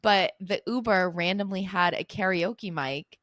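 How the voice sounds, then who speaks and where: A woman's voice: fairly low pitch, unhurried, a bit bright, no room sound, clean studio sound. A young woman in her twenties co-hosting a podcast, chatting casually in a teasing, giggly way. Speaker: podcast co-host. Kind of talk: casual chat.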